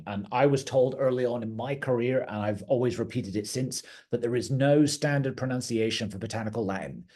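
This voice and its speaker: A man's voice: medium pitch, dark tone. A middle-aged man, a garden director, giving a conversational educational talk to gardeners, plain-spoken with occasional restarts. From outside the United States. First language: English.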